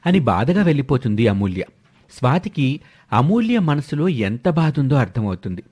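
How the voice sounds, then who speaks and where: A man narrating a family story in a steady, even manner. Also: mid-range voice, moderate pace, breathy edge.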